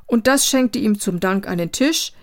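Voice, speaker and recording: A woman voicing an awkward, earnest young male traveller who speaks haltingly while reading a novel aloud. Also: medium pitch, animated, close to an everyday voice. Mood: hesitant. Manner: halting, hesitant.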